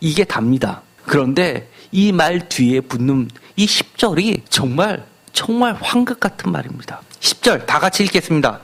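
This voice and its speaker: Lively high-pitched Korean pastor preaching. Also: male voice, normal speed, gravelly, few pauses. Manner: asks the congregation rhetorical questions. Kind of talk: sermon.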